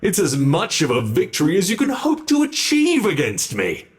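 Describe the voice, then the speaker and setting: Pitched high and swooping wildly, a British man's gravelly voice stretches out slow, drawn-out words. The ASMR roleplay performer plays a cruel monster beneath the bed in a horror scene, menacing, mocking and relishing his trapped prey.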